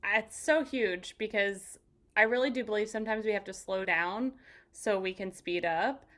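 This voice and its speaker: Woman podcast host, bright clear tone, animated and enthusiastic. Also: mid-range voice, moderate pace. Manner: animated, enthusiastic, jumps into excited quoted voices. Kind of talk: casual interview chat.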